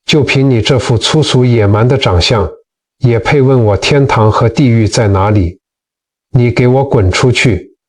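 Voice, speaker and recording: A man voicing a calm, stern old male Zen master who speaks coldly and curtly, within a storytelling talk. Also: medium pitch, normal speed, far from the mic, lightly acted. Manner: cold, curt scolding.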